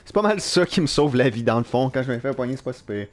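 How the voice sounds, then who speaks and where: A young man with a Quebec French accent giving live gameplay commentary in an animated, self-mocking way, swearing casually. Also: medium pitch, fast. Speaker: live streamer. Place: at work.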